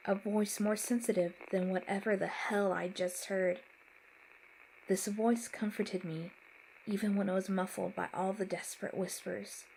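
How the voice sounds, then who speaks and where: A woman reading a first-person horror story aloud in a measured, dramatic way. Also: medium pitch, fairly even intonation, vocal fry, a little mellow, a little hiss or hum, poor audio. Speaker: story narrator. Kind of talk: scripted horror narration.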